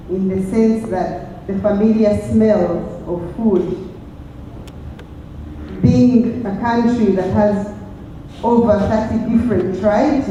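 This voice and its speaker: A woman in her forties with a Ugandan accent speaks in a measured, reflective tone. Her voice is very dark and mellow. She sounds a bit far from the mic, in a big echoing hall with a long reverb. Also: mid-range voice, lo-fi sound, a little hiss or hum. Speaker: interviewee sharing experiences. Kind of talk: reflective personal talk.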